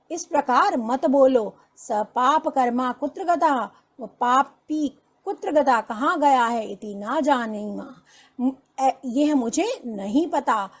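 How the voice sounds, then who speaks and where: A woman teacher reading Sanskrit lines one by one and explaining each in Hindi to her students. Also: high-pitched. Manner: reads a Sanskrit line, then explains it slowly in Hindi, addressing students as children. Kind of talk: line-by-line Sanskrit translation lesson.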